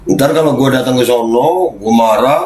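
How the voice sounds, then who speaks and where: A man hosting his own channel, talking loudly and heatedly in casual commentary. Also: mid-range voice, normal speed, roomy sound, rough recording. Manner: loud, heated, then slipping into Arabic prayer phrases. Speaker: YouTube channel host.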